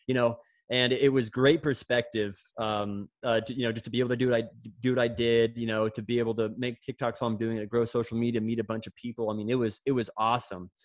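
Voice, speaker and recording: A man's voice: medium pitch, flat delivery, fast, few pauses, no echo. A young man, a former pro runner, chatting on a podcast and telling a long story with many restarts and fillers. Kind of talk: casual podcast chat.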